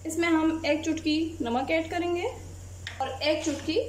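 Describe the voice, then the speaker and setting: A woman calmly explaining a recipe step by step as a cooking channel host. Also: high voice, unhurried, a little hiss or hum. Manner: calm, plain, methodical. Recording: loud frying sizzle behind voice.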